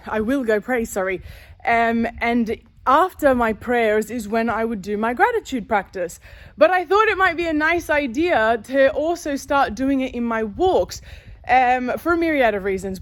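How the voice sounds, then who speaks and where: A woman's voice: fairly high pitch, no echo. Woman talking with a retainer in. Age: 30s. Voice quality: slight lisp from wearing a dental retainer. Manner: chatty, candid, rambling. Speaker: vlogger. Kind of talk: casual chat to viewers.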